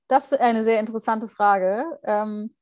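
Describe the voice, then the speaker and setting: A woman's voice: fairly high pitch, steady tone, slow, darkish tone, dry recording, clean studio sound. A young woman, a junior doctor being interviewed, answering thoughtfully with many fillers and restarts. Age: young adult. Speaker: guest, junior anesthesia doctor.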